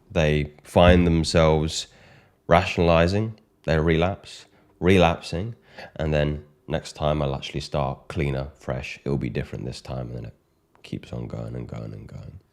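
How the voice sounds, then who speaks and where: A British man with an extremely low, deep voice talks to his audience as a coach. He speaks in a measured, emphatic way and often repeats his key phrases for weight. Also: creaky, a little mellow. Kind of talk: monologue to camera.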